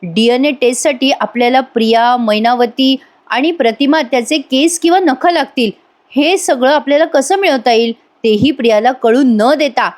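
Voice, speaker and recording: Woman doing a teasing young husband, high. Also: normal speed, lightly acted. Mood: earnest. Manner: joking, mock-alarmed exclamations.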